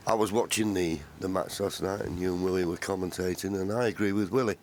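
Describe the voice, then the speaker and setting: Gravelly, very low male snooker commentator. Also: fairly even intonation, fast talker, a little mellow. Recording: faint live arena noise.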